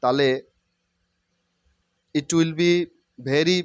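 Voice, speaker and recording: A man's voice: a little high, drawn-out words, clean tone, no room sound, lo-fi sound. A man giving a spoken English pronunciation lesson that mixes Bengali and English, earnest and repeating each letter over and over.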